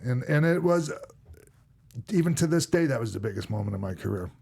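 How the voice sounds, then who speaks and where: A man's voice: medium pitch, animated, brisk, creaky, darkish tone, slightly rough. A middle-aged man with a Minnesota accent, telling stories on a podcast in a loose, rambling way full of fillers and restarts. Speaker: podcast host and former wrestler. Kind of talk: casual podcast storytelling.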